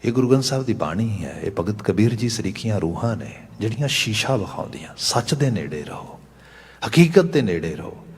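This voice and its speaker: A man giving a Sikh religious discourse, slowly chanting scripture lines and retelling a parable with its dialogue. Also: lowish voice, big pitch swings, slightly rough. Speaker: Sikh preacher giving katha. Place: gurdwara hall. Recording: long hall reverb.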